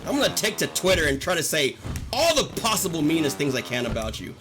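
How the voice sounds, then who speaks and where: A man's voice: fairly high pitch, sing-song, quick pace. A man streaming a game live, chatting playfully with his viewers, joking and teasing them, with game music running behind him. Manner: playful, jokey, teasing chat, laughs often. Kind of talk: casual live-stream chat while gaming. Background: video game music.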